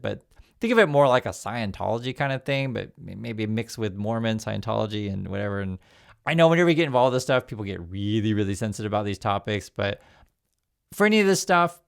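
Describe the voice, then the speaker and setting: A gravelly, fairly low-pitched man in his fifties, born in Vietnam and raised in the USA. He gives a loose, chatty news commentary, reading articles aloud and breaking off to comment, with plenty of "uh"s and restarts. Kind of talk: casual news commentary vlog.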